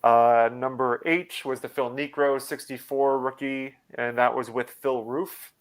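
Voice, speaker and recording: Brief: man, trivia host on a video call, smooth clear tone, halting with fillers. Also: mid-range voice, level tone. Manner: hesitant, many fillers and restarts. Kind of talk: live online quiz hosting.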